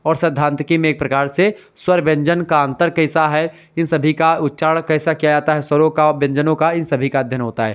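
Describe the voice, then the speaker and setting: A young man leads an exam revision lesson, walking through each term step by step and checking that his students follow. His voice is smooth and resonant, sitting a little higher than most men's. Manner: explains step by step, repeats terms, checks with 'clear?'. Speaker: teacher.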